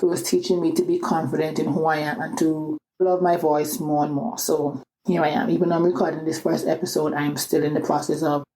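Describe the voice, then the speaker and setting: Hosting a solo podcast, a young Antiguan woman speaks in a low, slightly mellow voice. She stays upbeat and chatty, sprinkling in casual "you know" asides for her listeners, on a low-quality recording.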